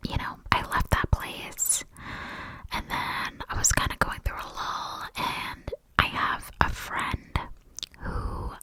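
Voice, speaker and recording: A young American woman gives a rambling ASMR talk in a breathy whisper close to the mic, sometimes slowly repeating words. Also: sharp tone, poor audio. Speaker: ASMR creator. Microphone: close mic for cupped whispering.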